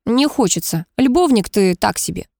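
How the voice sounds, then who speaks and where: A woman's voice: medium pitch, lively intonation, normal speed, gravelly, a little mellow, dry recording, studio quality. A woman voicing a blunt, defiant young woman who snaps short replies, in an audiobook reading. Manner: curt, snapping replies.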